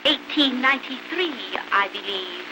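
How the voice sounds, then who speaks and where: A reserved, courteous young woman answers in measured phrases, her voice set fairly high. It carries the sound of an early talkie film, with a thick hiss running under every word. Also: lively intonation. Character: composed young woman traveler, polite and guarded.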